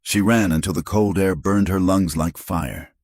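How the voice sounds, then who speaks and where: A man narrates a western audiobook in a measured, dramatic read. His voice is very deep with a husky grain. The recording is close and dry. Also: a little mellow, no echo. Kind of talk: scripted narration.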